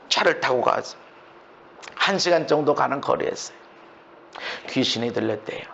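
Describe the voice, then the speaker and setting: A male pastor preaching a sermon with a Chungcheong accent, swinging between loud shouted questions and hushed near-whispers. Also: fairly high pitch, creaky, highs cut off. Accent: Chungcheong Korean.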